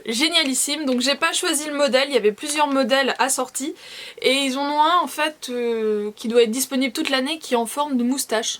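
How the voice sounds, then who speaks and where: A young woman chatting playfully through a casual snack-tasting vlog, self-mocking and lively. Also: sits high, slight background noise. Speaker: beauty and food vlogger.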